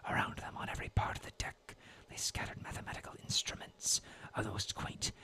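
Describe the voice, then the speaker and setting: With a sharp tone and a fairly quick pace, a man in his twenties from New England narrates a classic sea tale. The storyteller keeps it to a whispered, role-play ASMR delivery.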